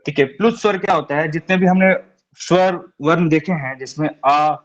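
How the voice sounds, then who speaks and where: A man leads an online grammar class in a slightly higher voice. He explains patiently, one step at a time, and keeps checking that his students follow. The call audio is dull and lo-fi. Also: normal speed. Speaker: Sanskrit teacher.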